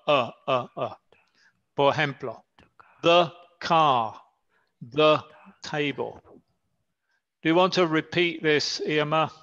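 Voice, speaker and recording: A man whose first language is English teaches a grammar lesson in Spanish, speaking very slowly and carefully and repeating each example word. His voice sits a little high, and the recording is slightly dull and lo-fi. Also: fairly bright tone.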